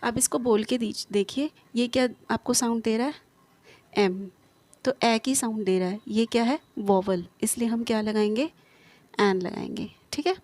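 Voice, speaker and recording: A woman with a slightly high voice teaches an English grammar lesson. She poses quick questions and answers them herself. She reads each example sentence slowly and carefully. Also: darkish tone, no room sound.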